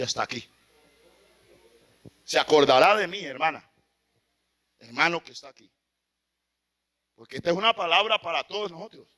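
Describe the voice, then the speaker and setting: High, piercing male preacher. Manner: impassioned, swings from loud to hushed. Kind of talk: sermon.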